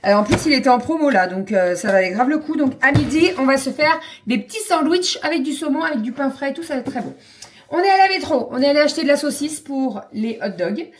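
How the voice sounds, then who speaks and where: A woman vlogger chatting casually about her day at home, slangy and full of filler pauses. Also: sits high, animated, a little hiss or hum. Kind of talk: casual daily vlog chat.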